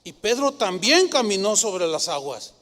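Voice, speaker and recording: A male pastor with a Mexican Spanish accent, preaching a sermon in an animated storytelling way and acting out the voices of people he quotes. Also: high voice, measured pace, big-room sound.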